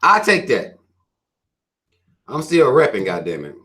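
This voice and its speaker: Hosting his own channel, a man from the Carolinas with a Southern American accent reads viewer comments and rants bluntly and profanely in a casual livestream. His mid-range voice swoops wildly in pitch, with a sharp tone and a measured pace.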